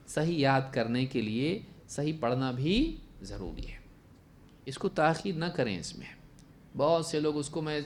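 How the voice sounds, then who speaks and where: Slightly high-voiced scholar. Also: male voice, a little hiss or hum. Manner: asks rhetorical questions and answers them himself; quotes and recites Arabic slowly to contrast letter sounds. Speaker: Islamic scholar teaching a lesson. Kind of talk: religious lesson.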